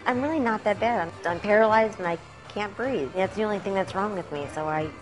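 A woman's voice: medium pitch, brisk, rough recording. A young woman talking candidly and casually in a news interview, with "like" and "you know" sprinkled in. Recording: soft music underneath.

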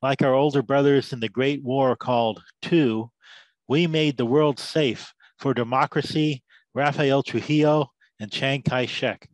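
Over a low-quality, echo-free recording, a man with an unhurried, mid-range, everyday-sounding voice performs a theatrical monologue as Big Mike, an embittered, drunken war veteran. In a mock-preaching mood, he tells battlefield tales as a loquacious, sermon-like oration with biblical cadence.

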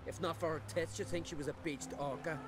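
Guy playing a rough mouthy sailor type from a game, blunt and taunting, voice sits a bit high, loud game music behind. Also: steady tone, quick pace, close to an everyday voice. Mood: scornful. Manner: blunt, taunting, old-fashioned folksy speech. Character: brash, insulting island brawler man. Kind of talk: video game dialogue.

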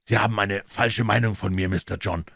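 A man voicing a sly, monotone older butler who speaks in flat, apologetic tones. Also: on the low side, a little fast, creaky, slightly rough, no room sound, clean studio sound, heavily acted. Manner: monotone, apologetic, then harsh.

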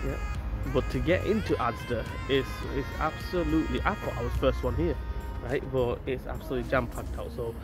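A man, vlogging casually to a handheld camera in his car, outdoors and in shops, chatty and excitable. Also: mid-range voice, a little fast, over music. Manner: chatty, excitable, says "right?" and "let's go" often. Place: car, outdoors in town and by a river, shop. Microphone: phone or action camera held at arm's length.

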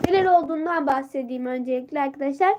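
A teenage girl runs a casual live stream from her phone, greeting viewers by name and reading their comments aloud. Her high voice comes out worn and stuffy from a sore throat and blocked nose, and she talks fast over background noise.

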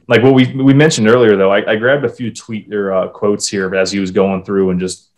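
Deep-ish guy cohosting a hockey pod, gets worked up, swears a bit, headset mic. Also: fairly quick. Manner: animated, swearing, reading quotes aloud. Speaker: podcast co-host. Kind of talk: casual hockey podcast chat.

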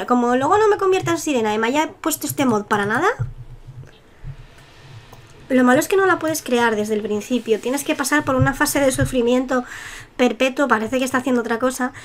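A young woman with a Spain Spanish accent, chatting casually and giggling while commenting on a life-simulation game. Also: high voice. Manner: chatty, giggly, self-mocking asides. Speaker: gameplay youtuber.

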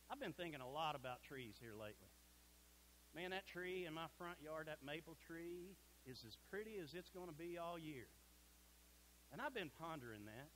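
A middle-aged man with a twang preaches a folksy, emphatic sermon in a church sanctuary. His voice sits high and rings bright and forceful. A faint hum runs under the room sound. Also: rough recording. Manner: folksy, emphatic preaching with dramatic drops to a hush.

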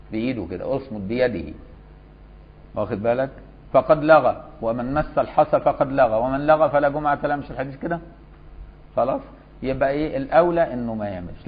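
A man with an Egyptian accent teaching a religious law lesson. He reads a text aloud, then explains it in everyday speech, often checking with "got it?". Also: medium pitch. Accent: Egyptian Arabic. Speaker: Islamic scholar teaching a fiqh lesson. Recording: slightly dull lo-fi lesson recording.

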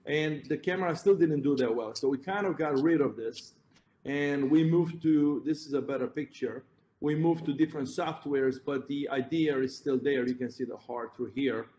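A heart surgeon with a Romanian accent gives a conference presentation, pointing at slides, explaining step by step and correcting himself. His voice is mid-range with a darkish tone. The room is echoey, with faint background noise.

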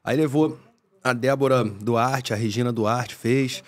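A man, a podcast guest telling a family story in a lively, casual way. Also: mid-range voice, measured pace. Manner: animated storyteller who acts out voices.

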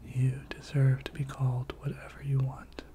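A person giving a whispered pep talk in soft, breathy ASMR style, repeating short encouraging phrases. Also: mid-range voice, completely flat delivery, normal speed.

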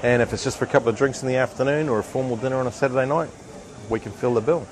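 Fast-talking New Zealand man in his fifties, confident restaurant manager pitch, recorded outdoors with clear traffic noise behind. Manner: confident, businesslike, upbeat. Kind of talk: promotional interview. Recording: noisy outdoor ambience with traffic.

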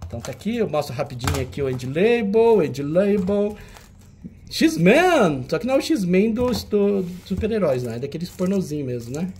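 Male host, jokey and chatty, animated pitch, faint hiss behind. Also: moderate pace. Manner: chatty, teasing, jokey banter with a helper. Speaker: seller hosting a retro game auction. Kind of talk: casual show-and-tell of old game cartridges.

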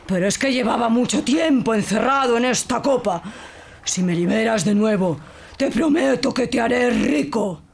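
A storyteller voicing a huge, boastful male genie in a fairy tale, with a slow, booming, drawn-out delivery over background music. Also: vocal fry, a little hiss or hum, close to an everyday voice. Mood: pleading. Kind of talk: storybook character voice.

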